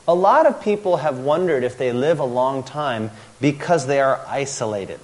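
A man giving a talk, speaking in short phrases and pausing after each one for an interpreter. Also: mid-range voice, lively intonation, darkish tone. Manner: pauses after each sentence for translation.

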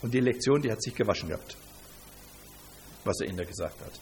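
A man's voice: on the low side, expressive, quick pace, darkish tone, slight background noise. A man preaching a sermon, retelling a scripture story in an emphatic way and asking rhetorical questions.

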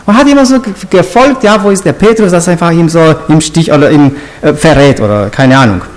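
Lively high-voiced man teaching scripture. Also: fairly quick. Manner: asks the listeners questions, restarts often. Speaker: preacher. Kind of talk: informal Bible teaching.

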